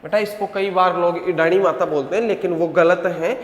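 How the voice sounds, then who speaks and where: A man's voice: high voice, fairly even intonation, a little fast. A male teacher giving an online coaching lecture, drilling his students with repeated questions and answers and calling them "beta". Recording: echoey hall sound.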